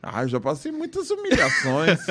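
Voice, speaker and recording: A man's voice: fairly high pitch, wildly swooping pitch, normal speed, sharp tone. A man in a casual podcast chat, chiming in with jokes and corrections. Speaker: podcast guest.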